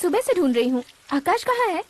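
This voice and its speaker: An actress dubbing a sharp, demanding young daughter lecturing her politician father. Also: very high-pitched, big pitch swings, a little fast, no echo. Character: minister's sharp, spoiled young adult daughter. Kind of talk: Hindi film dub.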